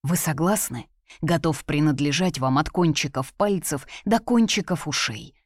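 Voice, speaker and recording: A courtly man in his forties speaks slowly and gently, every word measured, as a woman narrator reads him. The voice sits low. The sound is dry and close. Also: animated, slightly rough, no echo. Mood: tender.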